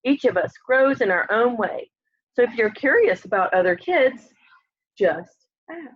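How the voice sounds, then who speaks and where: At home by a window, a woman reads a children's book aloud with lots of expression, keeping her language simple as if talking to little kids. Her voice is a little high with big swings in pitch, and she reads unhurriedly. The lo-fi webcam recording sounds slightly dull.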